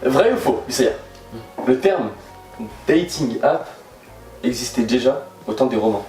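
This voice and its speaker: Man, quiz host, playful, bouncy lively voice, distant mic, echoey room. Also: medium pitch, measured pace, music in the background. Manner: playful, jokes about his English accent. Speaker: host asking quiz questions. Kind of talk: casual quiz hosting.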